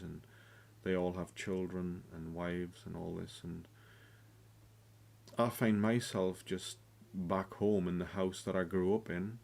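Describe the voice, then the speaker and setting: A man's voice: sits low, creaky, darkish tone. A man in his thirties talking hesitantly about his own life, with frequent ums and restarts. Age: 30s. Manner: halting, hesitant, full of ums. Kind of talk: casual personal confession.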